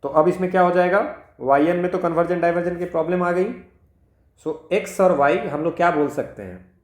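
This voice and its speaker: A maths teacher preparing students for exams gives an informal lesson in an Indian accent, working step by step, posing questions to himself, switching between two languages and often using check-words. His voice is high-pitched, a little fast and slightly mellow, in a roomy, echoing recording.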